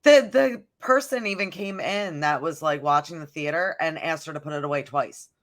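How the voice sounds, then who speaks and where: A woman's voice: deep voice, normal speed. A woman co-hosting a podcast, telling stories in casual chat and leaning on "like" a lot. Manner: chatty storyteller, fills talk with "like". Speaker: podcast co-host.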